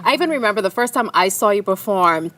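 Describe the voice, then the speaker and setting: A woman's voice: medium pitch, animated, fast, fairly bright tone, no room sound. A woman co-hosting a talk show, asking friendly, enthusiastic questions. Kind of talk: casual talk show interview.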